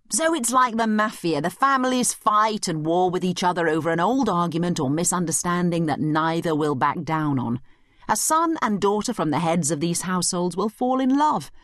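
A woman with a fairly low voice narrates scripted educational commentary as a study guide commentator. Her manner is animated, conversational and explanatory, and the clean studio recording has no room sound.

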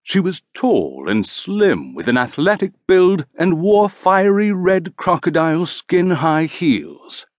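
A man narrates a storybook, his tone rising and falling with expression. He reads slowly and deliberately, in a voice a little higher than usual. The recording is close and dry. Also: dry recording. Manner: slow, expressive. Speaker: audiobook narrator.

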